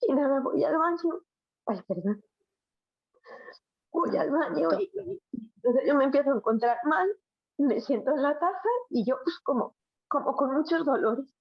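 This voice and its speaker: A woman giving a halting, emotional personal testimony as a roundtable speaker. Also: high voice, expressive, dry recording. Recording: dull dry lo-fi sound.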